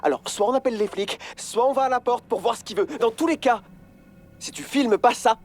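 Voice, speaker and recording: A man's voice: very high voice, brisk, darkish tone, soft background music. A man voicing a bold, curious teenage boy who bosses his friend around, in dubbed film dialogue. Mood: bossy. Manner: bossy, urging his friend on. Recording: film score playing behind.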